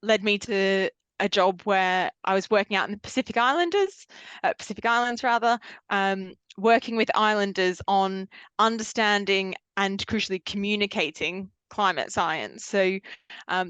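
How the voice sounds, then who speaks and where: A woman from Australia with a mostly British accent and a slight Australian trace, talking as an interview guest in a lively, self-deprecating way. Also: medium pitch, moderate pace, smooth, dry recording. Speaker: guest, energy association chief executive. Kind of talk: casual interview chat.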